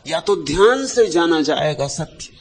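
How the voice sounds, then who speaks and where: A man giving a spiritual discourse as a teacher, speaking in short, lyrical phrases with long pauses and repeated lines for emphasis. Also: fairly high pitch, big pitch swings, creaky, slight background noise.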